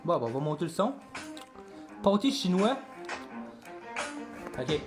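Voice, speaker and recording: A man's voice: on the high side, very animated, takes it slowly, soft background music. A man with a Québécois French accent, a rapper chatting casually on a livestream and freestyling, rambling and swearing often.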